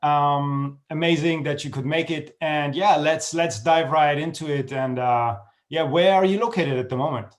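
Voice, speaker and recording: A man hosting a podcast, asking questions in a friendly, halting way with many fillers. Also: a little high. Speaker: podcast host. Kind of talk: casual interview chat.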